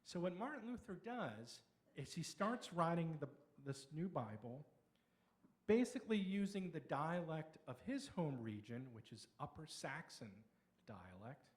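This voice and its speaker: Middle-aged lecturer, male, fairly high voice, talks through slides in a chatty, explaining way. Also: sing-song. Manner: explanatory, conversational, with pauses and restarts. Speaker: local history speaker.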